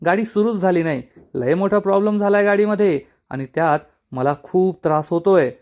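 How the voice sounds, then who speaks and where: A man voicing a young village woman complaining loudly to win sympathy. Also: high voice, brisk, pitched above the performer's own voice, close to an everyday voice. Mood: whiny. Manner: whiny, fishing for sympathy.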